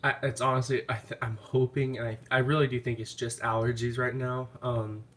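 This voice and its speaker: A candle vlogger with a medium-pitched, fairly bright voice talks fairly quickly with little pitch movement. His voice is stuffy and nasal from clogged sinuses as he rambles hesitantly through a casual at-home haul video, full of ums.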